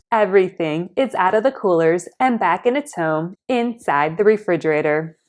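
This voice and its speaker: A woman's voice: on the low side, darkish tone. A woman vlogger talking casually and earnestly, explaining things step by step. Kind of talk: casual vlog narration.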